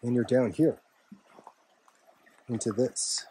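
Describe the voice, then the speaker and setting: A man with a slightly husky voice gives casual, unhurried, offhand narration to his camera while walking a trail outdoors. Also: medium pitch, dark tone, a little hiss or hum. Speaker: hiking vlogger. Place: outdoors on a park trail with a stream nearby.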